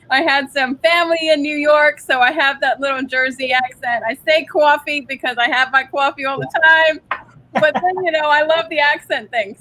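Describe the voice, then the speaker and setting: A woman from San Diego, a guest in an interview, upbeat and quick to laugh. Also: high-pitched, pushed and bright, low-quality recording. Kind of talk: interview answers.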